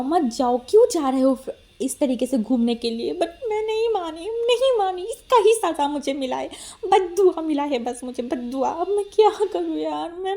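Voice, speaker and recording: A woman voicing a frightened young man who cries, stammers and pleads in a high, shaky voice. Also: mellow.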